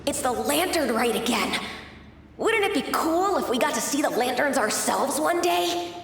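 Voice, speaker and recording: Echoing, very high little child. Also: female voice, lively intonation, moderate pace, gravelly, a bit bright, exaggerated voice. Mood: excited. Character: eager little child with simple big dreams. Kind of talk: anime game voice acting. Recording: distant, long hall echo, music behind.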